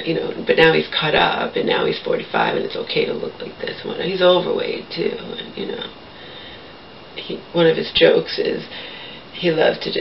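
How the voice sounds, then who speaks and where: In a small bedroom, a woman in her thirties with a low, gravelly voice chats to camera in a meandering, blunt way, swearing freely. The camera sits across the room, so the audio is distant and muffled with slight background noise.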